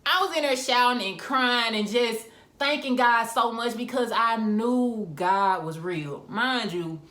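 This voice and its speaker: A woman's voice: fairly high pitch, a little slow. Young woman telling her story, roomy echo. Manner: candid, animated storytelling with asides and laughs. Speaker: vlogger. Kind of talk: casual storytime chat. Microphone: phone camera.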